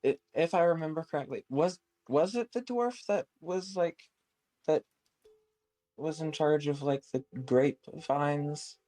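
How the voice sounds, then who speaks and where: A man's voice: a little high, measured pace, dark tone. A man playing a tabletop game, hesitant and stumbling over his words as he checks details. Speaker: player.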